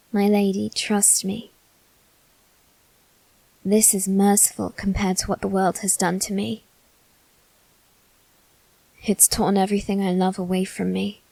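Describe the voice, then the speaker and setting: In a soft, deliberate ASMR roleplay monologue full of dramatic pauses, a woman voices a melancholy teenage noble boy who is resigned to death. Her pitch is medium. The recording is dry and low in quality.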